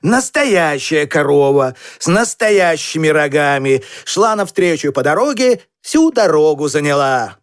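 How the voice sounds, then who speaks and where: A man's voice: fairly high pitch, expressive, measured pace, few pauses, clear, resonant tone, no room sound, studio quality. A man reading children's poems aloud with a rhythmic, sing-song delivery. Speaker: reader.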